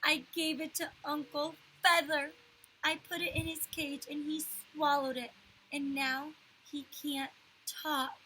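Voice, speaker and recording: A woman voicing a small, whiny, excitable boy who talks through sobs, high and drawn out. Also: takes it slowly, slight background noise, heavily acted, poor audio. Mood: sobbing.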